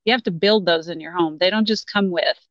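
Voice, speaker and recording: A woman with a Southern Texan accent talks as a podcast guest, easygoing and quick to laugh. Her audio sounds slightly dull and muffled. It is dry, with no room sound. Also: on the low side, dry recording. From Texas. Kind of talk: casual podcast chat.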